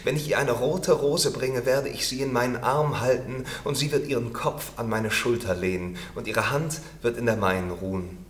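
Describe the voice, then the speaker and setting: A man's voice: mid-range voice, moderate pace, hardly any pauses, echoey room, a little hiss or hum, lightly acted. A man voicing a lovesick, despairing young male student in a storybook reading, fervent and lamenting.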